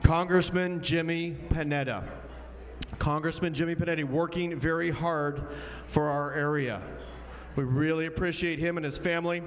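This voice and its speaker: A man's voice: a little high, fairly even intonation, normal speed. A man working as an auctioneer, calling bids live with urging patter and repeated numbers. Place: large indoor hall at a gala event. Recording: noisy hall, long reverb, PA sound.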